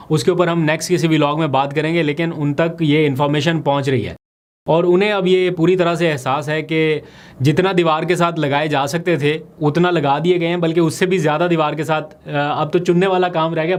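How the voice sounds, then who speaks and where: The day's politics get a fast, analytical treatment from this male vlogger. Each point comes across plainly and steadily, in a voice pitched a little above most men's.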